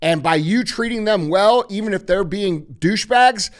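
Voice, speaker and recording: A man's voice: high voice, normal speed. A man hosting a podcast, giving blunt, emphatic motivational advice with heavy swearing. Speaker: podcast host.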